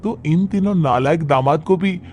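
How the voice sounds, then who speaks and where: A man's voice: on the high side, moderate pace, darkish tone, faint music behind, close to an everyday voice. A man voicing an exasperated young wife. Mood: annoyed. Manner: complaining, exasperated. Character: fed-up working young wife, daughter.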